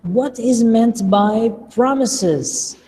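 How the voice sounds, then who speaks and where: A patient lecturer talks slowly and deliberately in a mellow, soft-edged voice. The speaker pauses to put questions to the class. The voice carries a long reverb through a large room, with faint noise behind it. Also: medium pitch. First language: Arabic. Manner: patient, slow and deliberate, quizzing students. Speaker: English lecturer.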